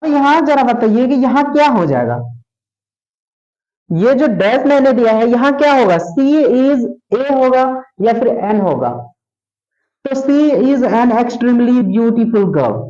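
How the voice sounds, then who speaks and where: A man teaches grammar in a slow, patient way, repeating each word and quizzing his class. His voice sits in an echoey room, and the recording sounds dull and lo-fi. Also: very high-pitched, big pitch swings, darkish tone. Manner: slow, repeats words and asks the class questions. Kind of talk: classroom lesson explaining articles.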